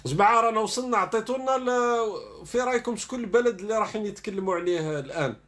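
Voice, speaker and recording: High-voiced mocking man. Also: lively intonation, very fast, a bit bright. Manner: mocking, reads quotes aloud then ridicules them. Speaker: online commentator. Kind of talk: sarcastic commentary on news dispatches.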